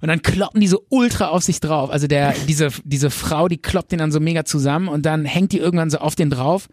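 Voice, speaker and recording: A man's voice: fairly high pitch, a little fast, darkish tone, no echo, studio quality. A man in a casual chat, rambling with many fillers and restarts while retelling scenes and acting out the quotes.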